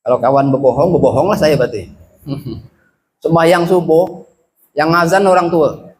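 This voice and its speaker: A man with a Riau Malay accent preaching a lively mosque sermon, telling humorous stories and asking rhetorical questions. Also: fairly high pitch, moderate pace, noisy background. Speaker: Islamic preacher.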